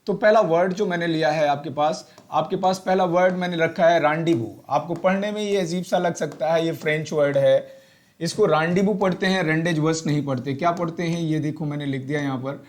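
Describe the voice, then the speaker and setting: A man with an Indian English accent gives an unscripted exam-prep lesson, his voice sitting a little higher than most men's. He switches between Hindi and English, lingering slowly over English phrases and filling gaps with hesitant "uh"s. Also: steady tone. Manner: Hindi-English code-switching, slow deliberate English phrases, frequent fillers. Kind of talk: spontaneous classroom-style lesson.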